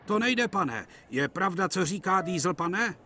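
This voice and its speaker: A man's voice: high voice, lively intonation, pushed and bright, a little hiss or hum, voice pushed up. A man voicing a big, proud male express engine that talks down to the smaller engines in a haughty, scornful way. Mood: glum. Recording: clear music behind.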